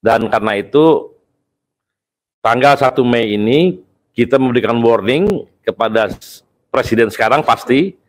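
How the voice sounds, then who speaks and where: A man speaking informally as a union leader, explaining politics in a deliberate way, often searching for words. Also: mid-range voice. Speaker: labor union confederation leader.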